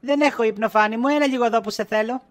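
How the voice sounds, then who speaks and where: A woman's voice: on the high side, lightly acted. A woman playing a middle-aged wife in a comedy sketch, insistent and accusing as she nags her husband. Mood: coaxing.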